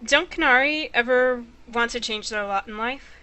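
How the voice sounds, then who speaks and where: A woman's voice: fairly high pitch, moderate pace, sharp tone, faint music behind. A woman doing casual, playful let's play commentary, chatting away and reading dialogue choices aloud. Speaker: let's player.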